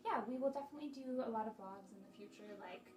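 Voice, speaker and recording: A woman's voice: fairly high pitch, fast. A woman in her twenties answering viewer questions in a casual chat, talking freely with lots of fillers. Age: 20s. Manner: chatty, many fillers, animated retelling. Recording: roomy sound, mic at a distance.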